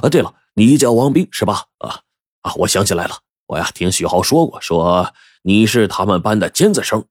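An effusive middle-aged company boss, as a male storyteller puts him on, full of drawn-out exclamations and a low voice. He speaks slowly and warmly, and the close recording is dry. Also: lively intonation, dry recording.

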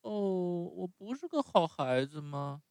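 A man voicing an eager, excitable wooden puppet boy in a high squeaky voice, often starting with a hesitant "uh". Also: slow pace, gravelly, clear, resonant tone, dry recording, full character voice. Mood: pleading. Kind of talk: bedtime story reading.

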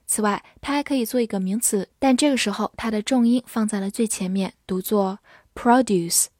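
A young woman teaching English vocabulary, spelling out words letter by letter and reading example sentences slowly. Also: mid-range voice, a little mellow, no echo, studio quality. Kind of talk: vocabulary lesson.

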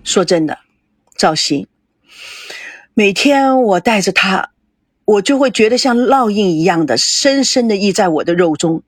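Woman doing a heartbroken young woman, low, sad and bitter, husky, dry close sound. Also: animated, a little slow, long pauses, dry recording. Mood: sorrowful.

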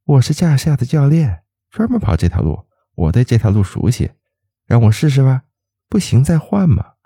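A man voicing a calm, mysterious young woman of about twenty-five in a spoken ghost story, light and lilting. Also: mid-range voice, moderate pace, breathy edge, dry recording, clean studio sound, voice pushed up, close to an everyday voice.

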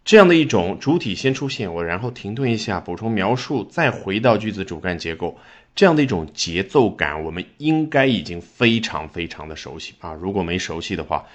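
Lively low-voiced male English tutor. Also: dull audio. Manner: explains with rhetorical questions and emphatic rises. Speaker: English teacher. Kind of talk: recorded language lesson.

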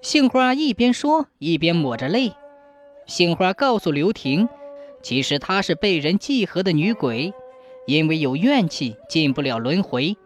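Lively expressive woman storyteller. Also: fairly low pitch. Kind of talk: scripted story narration.

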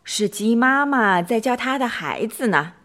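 Woman doing a calm sleepy storybook friend. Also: a little high, unhurried, voice pushed up. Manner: calm, soothing, yawning. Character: patient sleepy barnyard male friend.

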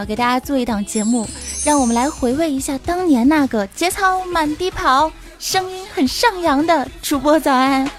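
A woman hosting a comic podcast, telling jokes and teasing her audience in a playful, animated way. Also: sits high. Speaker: podcast host. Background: background music.

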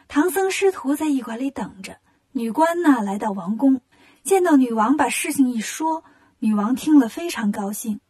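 A woman storyteller reading to children, lively and expressive. Her voice sits a little high and is somewhat husky. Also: normal speed.

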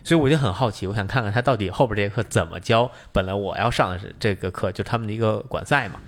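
A man's voice: fairly low pitch, fast talker. A man co-hosting a podcast, explaining things at length in casual chat, with many fillers. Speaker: podcast co-host.

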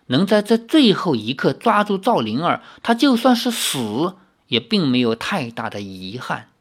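An animated audiobook narrator whose pitch rises and falls freely across the story. The telling is expressive, with occasional asides to the listener. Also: measured pace. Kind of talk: novel read aloud.

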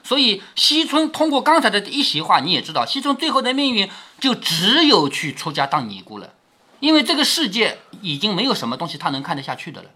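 A man retells a classic novel and stops to explain it, often posing rhetorical questions. His voice is bright and slightly husky. His pitch moves very expressively. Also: wildly swooping pitch, fairly quick. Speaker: narrator and commentator reading a classic novel. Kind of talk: storytelling with commentary.

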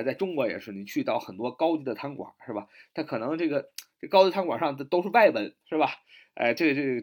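A man teaching spoken English phrases, explaining them in a chatty way and repeating each phrase slowly. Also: a little high. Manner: lively, chatty, asks "是吧" often. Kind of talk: spoken English lesson in Mandarin.

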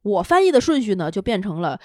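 A woman podcast co-host telling a travel story in casual chat, animated and often laughing as she acts out quotes. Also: medium pitch, quick pace, dry recording, studio quality.

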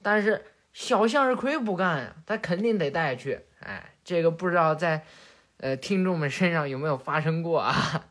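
Animated woman narrating a cartoon recap. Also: on the low side, moderate pace. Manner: chatty, animated, many fillers. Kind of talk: casual anime recap narration.

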